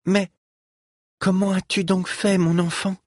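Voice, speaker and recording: A soft-spoken, kindly woman musician, as a male reader puts her on, raised in pitch and gentle in tone. The voice has a husky grain and a dry, close sound. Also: flat delivery, a little slow, no room sound. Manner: gentle, affectionate.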